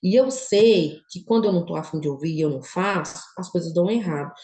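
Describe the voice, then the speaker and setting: Echoey low-voiced woman giving testimony. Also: fast. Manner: emotional, shifts from quiet and low to high and animated. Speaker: children's book author.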